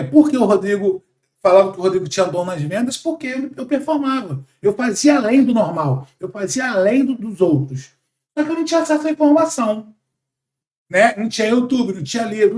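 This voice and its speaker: Brazilian guy in his 40s explaining sales stuff, animated and emphatic, echoey room. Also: sits high, fairly quick. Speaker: sales trainer guest. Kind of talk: podcast conversation.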